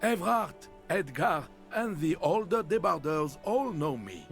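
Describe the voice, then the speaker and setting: A man's voice: a little high, very animated, unhurried, gravelly, faint music behind, full character voice. An actor playing a polite, wordy male union ghostwriter in a video game, explaining things with easy courtesy. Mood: friendly.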